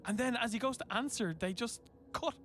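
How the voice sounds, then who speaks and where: Man, podcast co-host, high voice, joking chat. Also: fairly quick, fairly bright tone, slight background noise. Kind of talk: casual chat.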